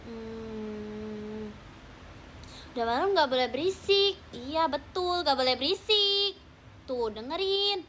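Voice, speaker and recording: Teen girl livestream host, high pitched, playful teasing chatter with fans. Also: lively intonation, takes it slowly, fairly bright tone, slight background noise. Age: teens. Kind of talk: casual livestream chat with viewers. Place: at home at night, keeping voice down.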